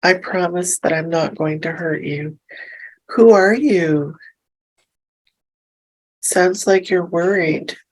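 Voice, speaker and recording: Slow, soft-spoken woman guiding hypnosis. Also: fairly low pitch, low-quality recording. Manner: soft, slow and soothing, reassuring. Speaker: hypnosis practitioner. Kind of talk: gentle hypnosis session guidance.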